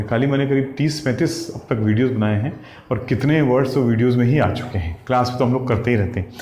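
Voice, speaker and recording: Recorded in an echoey room with faint ambience and a little hiss or hum, a male English teacher speaks in a mid-range, darkish voice. He goes through exam vocabulary letter by letter, frequently checking in with students he calls "साथियों" and "भैया".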